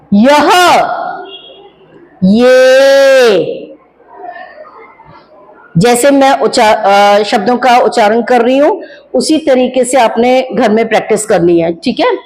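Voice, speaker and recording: High-pitched lady teacher going thru hindi grammar real slow, stretches out words so kids can repeat, calls them beta. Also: darkish tone, low-quality recording. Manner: slow, drawn-out pronunciation of words for students to copy; addresses students fondly as "beta". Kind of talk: grammar lesson to students.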